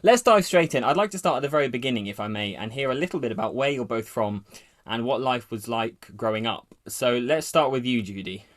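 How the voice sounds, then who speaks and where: A man hosting a church podcast, reading polite, scripted-sounding introductions and gently prompting his guests. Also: mid-range voice, animated, a little fast. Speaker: podcast host.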